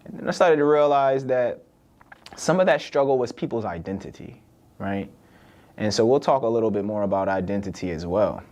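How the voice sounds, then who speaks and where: Young man, casual solo podcast talk, lowish voice, loose and conversational, lots of "like". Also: expressive, normal speed, darkish tone. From born in the UK, raised in Virginia. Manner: conversational, loose, with frequent "like" and "right?". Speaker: podcast host.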